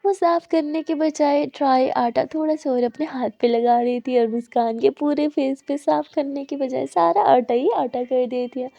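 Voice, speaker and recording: A woman's voice: sits high, steady tone, moderate pace, creaky, hardly any pauses, mellow, no room sound. A woman narrating a love story in a chatty, casual storytelling manner, in a dull lo-fi recording. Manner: chatty, narrates in simple running sentences.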